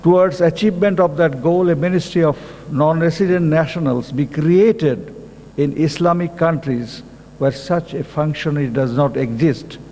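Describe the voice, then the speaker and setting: An older man from Bangladesh with a Bangladeshi English accent, giving a formal academic address at a conference in a slow, halting, deliberate way. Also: a little high, dark tone. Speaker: conference speaker. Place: conference hall. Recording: echoey hall with faint background noise.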